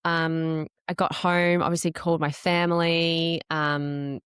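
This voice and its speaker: A woman in her late thirties telling her personal story as a podcast guest, candid and animated, swearing casually. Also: deep voice, unhurried, clear, resonant tone, dry recording, clean studio sound. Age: 30s.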